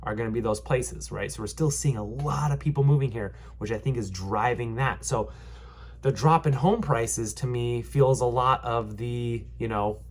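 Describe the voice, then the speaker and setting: There's a slight hiss or hum under this young man's medium-pitched, normal-speed voice as he gives a casual vlog market update. He's a realtor with a cold-stuffed nose, rambling along with many ums and restarts while staying upbeat and reassuring.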